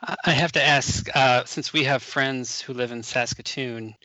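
A man's voice: mid-range voice, fairly even intonation, moderate pace, sharp tone, low-quality recording. A man hosting a podcast interview, talking in an eager, enthusiastic way. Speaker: podcast host. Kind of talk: casual interview chat.

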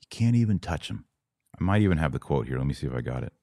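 Extremely low-pitched yet very animated, the man speaks fast with a mellow tone in a dry, clean studio recording. As host of a religious podcast, he addresses listeners directly in a conversational, didactic style.

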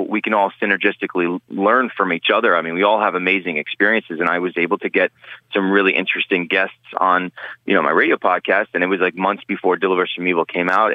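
A man's voice: deep voice, no echo, phone-quality sound. A man guesting on a podcast interview, talking earnestly in a rambling way with many restarts. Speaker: guest, paranormal investigator.

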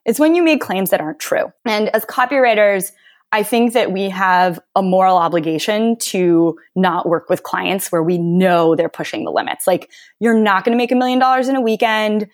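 A woman copywriter telling stories in a podcast interview, lively and quick to act out what others said. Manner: animated storyteller, mimics others in high voice. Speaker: guest copywriter.

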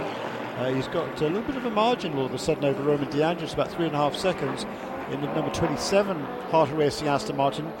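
Guy doing motorsport commentary and analysis, bit high pitched, bit halting, loud cars roaring behind. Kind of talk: live race analysis commentary. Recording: loud trackside car noise. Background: loud race cars and track ambience.

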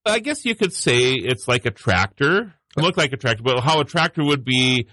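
A man's voice: medium pitch, sing-song, moderate pace, pushed and bright, no echo, clean studio sound. A man, co-hosting a radio talk show in a casual, enthusiastic way and laughing easily. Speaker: radio show co-host, tech contributor. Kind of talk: casual on-air chat.

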